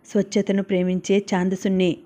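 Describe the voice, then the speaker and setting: A woman's voice: medium pitch, completely flat delivery, a little fast, dark tone, lightly acted. A woman narrator reading the lines of an earnest young man in love, in a sincere, pleading way, in a storybook.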